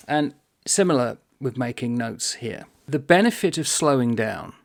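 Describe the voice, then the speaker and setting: A middle-aged man talking about books in a thoughtful, unhurried way, pausing often as he muses aloud. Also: medium pitch. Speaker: book vlogger. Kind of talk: reflective book vlog talk.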